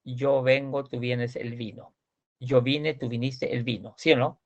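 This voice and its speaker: A man with a gravelly, creaky voice explains grammar in a class. He talks patiently, repeats words and keeps checking that his students follow. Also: mid-range voice, steady tone, measured pace, highs cut off. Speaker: Swedish teacher.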